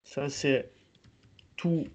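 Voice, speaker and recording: A man teaching a group language class over a video call, explaining slowly with many pauses and fillers. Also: mid-range voice, a little mellow. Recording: slightly muffled video call audio.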